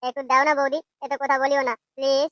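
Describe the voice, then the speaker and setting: A man voicing a sly young male friend in a comic cartoon, talking in a fast, wheedling way. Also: very high voice, flat delivery, bright, forceful tone, no room sound, highs cut off.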